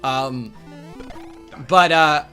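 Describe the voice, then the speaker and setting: A man co-hosting a casual video game chat, excitable and stammering, full of jokes. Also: fairly high pitch, very slow, soft background music. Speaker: co-host of a gaming channel.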